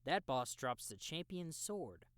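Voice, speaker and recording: A man with an exaggerated, rather high voice, full of big pitch swings and a bit bright, takes it slowly as an easygoing young game expert explaining the world to a beginner in an audiobook. The recording is dry and clean, studio-made. His casual, knowing explanation comes across as character-acted dialogue.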